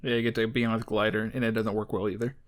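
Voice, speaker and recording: A man's voice: lowish voice, level tone, quick pace. A young man co-hosting a casual chat, laid-back and trailing off now and then. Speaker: co-host.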